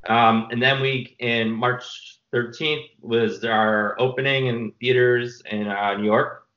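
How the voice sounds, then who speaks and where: Male filmmaker guest, bright voice, rambling casual storytelling, slightly muffled audio. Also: medium pitch, fairly even intonation, slow pace, reverberant. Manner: rambling, restarts with many fillers.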